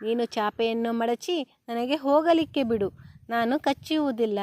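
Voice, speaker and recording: A woman voicing a little ant in a storybook tale, speaking loudly and firmly. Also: a little high, a little slow, dry recording, lightly acted. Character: little ant, bold and matter-of-fact.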